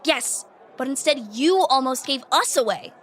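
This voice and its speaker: Molly, a high, know-it-all schoolgirl. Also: lively intonation, a bit bright. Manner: quick, know-it-all explaining. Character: bright, eager teenage schoolgirl.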